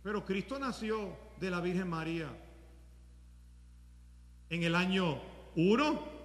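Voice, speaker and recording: A man pastor preaching a sermon in a conversational way, at times rising to shouts. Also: high-pitched, animated, slow, roomy sound, big-room sound.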